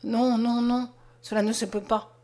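Woman reading a soft-spoken blind young man. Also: little pitch movement, unhurried. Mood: tender. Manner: soft, low and tender. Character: gentle blind young peasant man, sorrowful. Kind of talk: audiobook character reading.

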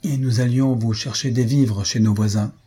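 A composed young woman in a read-aloud story, voiced by a man with a husky, mellow voice. She answers with calm assurance. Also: mid-range voice, normal speed, lightly acted.

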